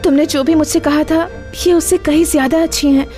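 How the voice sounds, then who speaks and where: A woman's voice: sits high, fairly even intonation, a little fast, warm tone, close to an everyday voice. An actress dubbing a young woman playing tearful innocence, in a film dub. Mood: hurt. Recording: faint film music behind.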